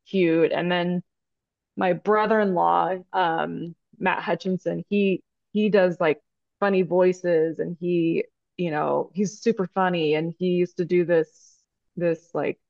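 A woman with a low, gravelly voice tells stories in a relaxed interview. She rambles, padding her talk with fillers and restarts. The recording is dry and a little dull. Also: dry recording. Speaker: guest, stop motion animator. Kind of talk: casual interview storytelling. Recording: dry, dull lo-fi podcast audio.

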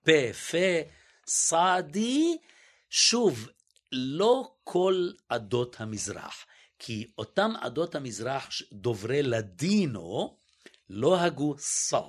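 Male expert guest, average pitch, methodical and a little hesitant, demonstrates pronunciations aloud. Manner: hesitant, self-correcting. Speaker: guest linguist. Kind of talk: explanatory interview talk.

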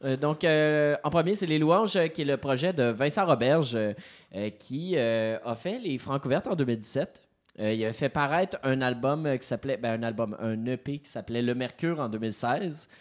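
A man's voice: mid-range voice, normal speed. Hesitant man reviewing albums. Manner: many fillers, hesitant. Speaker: music columnist. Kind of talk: casual radio review.

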